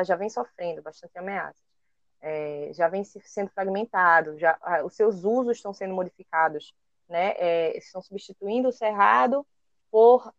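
A woman with a Brazilian Portuguese accent co-hosts an educational podcast, explaining things carefully and often hesitating as she hunts for words. Her voice is medium-pitched, and the recording is dry, dull, lo-fi, and echo-free.

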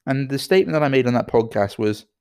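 A man's voice: medium pitch, animated, quick pace, darkish tone, clean tone, no room sound, studio quality. A tired British man hosting his own podcast, talking on in a rambling way with many fillers and repeated words. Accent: British English. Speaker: podcast host and entrepreneur. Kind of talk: solo podcast monologue.

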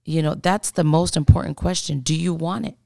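Low, gravelly woman sharing faith testimony. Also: darkish tone, no echo, clean studio sound. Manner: earnest, slow and deliberate, acts out prayers. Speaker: guest minister. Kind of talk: testimony in a podcast interview.

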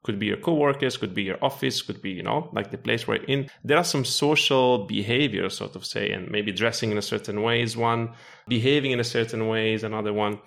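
A young man who grew up in Italy, chatting casually and relaxed as a podcast host. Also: on the low side, brisk, gravelly. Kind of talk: casual conversation.

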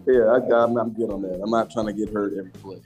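A young man from Alabama, a college basketball player chatting as a podcast guest in a relaxed, rambling way. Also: lowish voice, fairly quick, faint music behind. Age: young adult. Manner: relaxed, rambling, many restarts. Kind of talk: casual interview chat.

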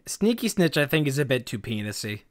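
Playful young co-host, lively pitch. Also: brisk, dry recording, clean studio sound. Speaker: podcast co-host. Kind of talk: casual chat.

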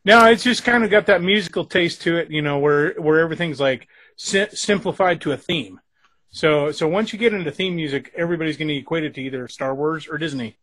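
A man co-hosting a casual music review show, easygoing and quick to laugh, explaining things in a halting way. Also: a little high, fairly bright tone, dry recording. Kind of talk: casual chat.

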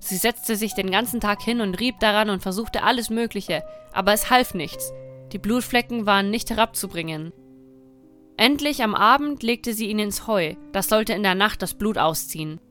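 A woman reading a dark fairy tale aloud in a measured, dramatic storytelling manner. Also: mid-range voice, faint music behind.

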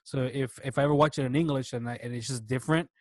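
A man's voice: medium pitch, steady tone, quick pace. A man chatting loosely as a podcast co-host. He circles his point, trips over words and backs up to start over. The room has almost no echo. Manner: hesitant, lots of restarts and fillers. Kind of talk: casual chat.

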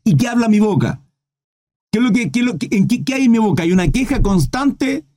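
A man preaching on a Bible passage in a live stream, reading verses and asking rhetorical questions, often clearing his throat. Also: high voice, expressive, fairly quick, warm tone. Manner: reads scripture aloud and preaches on it, with rhetorical questions.

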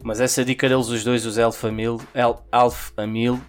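A man's voice: medium pitch, flat delivery, moderate pace. A young adult man chats casually about rap music in a slangy, rambling, conversational way. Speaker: music podcast host.

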